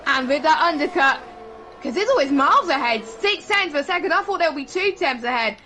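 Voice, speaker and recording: A woman giving live sim racing commentary in an excitable way, with frequent exclamations. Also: sits high, fairly quick. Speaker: esports race commentator.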